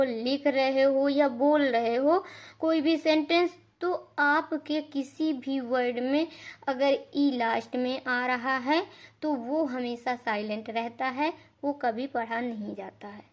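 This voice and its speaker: Slow, patient high-voiced woman teacher. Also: steady tone. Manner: patient, repeats each rule and spells out examples. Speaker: English pronunciation teacher. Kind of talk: slow classroom-style explanation.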